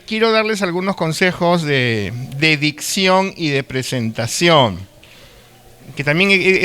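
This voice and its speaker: A Peruvian man with a Lima accent speaks in a voice on the high side, a bit bright. He's giving a live university lecture in a chatty, conversational style, checking in with his students through frequent tag questions and now and then stuttering and restarting words.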